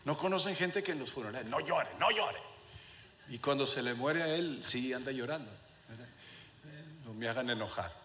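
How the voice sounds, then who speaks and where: A male pastor preaching a sermon, moving between quiet asides and shouted passages, with English phrases dropped in. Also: mid-range voice, lively intonation, moderate pace. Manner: swings from soft to shouted preaching, with asides to the congregation. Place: church sanctuary. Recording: reverberant church hall with faint room noise.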